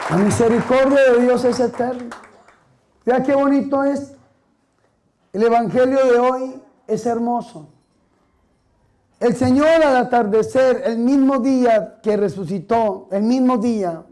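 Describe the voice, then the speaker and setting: Very high-voiced priest preaching. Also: male voice, dark tone, low-quality recording. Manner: emphatic preaching, asks the congregation questions and answers them. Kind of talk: sermon.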